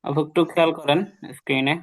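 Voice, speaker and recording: Patient male tajweed teacher with a Bangladeshi accent and a somewhat high voice. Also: steady tone. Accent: Bangladeshi Bengali. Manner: patient, corrects pronunciation by modeling sounds slowly. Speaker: Quran recitation teacher. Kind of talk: online tajweed class correction.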